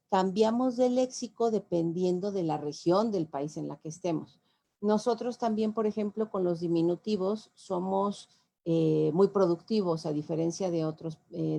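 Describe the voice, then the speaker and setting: Middle-aged Mexican woman, linguistics lecturer, low gravelly voice, chatty explaining with fillers. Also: measured pace, mellow. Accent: Mexican Spanish. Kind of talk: lecture answering audience questions.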